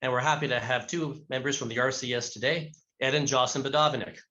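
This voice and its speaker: A man's voice: medium pitch, fairly even intonation, quick pace, bright, forceful tone. A man hosting a live online event, chatty and friendly as he introduces guests and tells an anecdote. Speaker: host.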